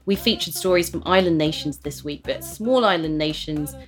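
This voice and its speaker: A woman podcast co-host with a fairly low voice, presenting segments with emphatic enthusiasm. Faint music sits quietly behind her. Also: moderate pace. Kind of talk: podcast chat and scripted segments.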